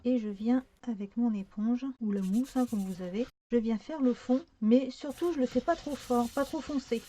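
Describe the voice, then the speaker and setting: A woman's voice: on the high side, moderate pace, dark tone. A woman talking through a card-making tutorial in a casual, hesitant way, with many fillers and self-corrections.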